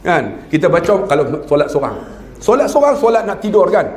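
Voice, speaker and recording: A man's voice: high-pitched, very animated, a little fast. A man in his fifties with a northern Malaysian Malay accent, giving a humorous religious lecture that quizzes the audience and mimics regional dialects. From northern Peninsular Malaysia. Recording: echoey hall.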